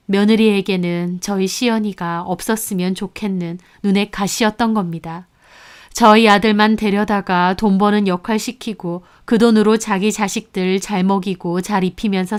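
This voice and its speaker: A woman narrating a first-person story in a plain, steady reading voice. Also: mid-range voice, clear, resonant tone.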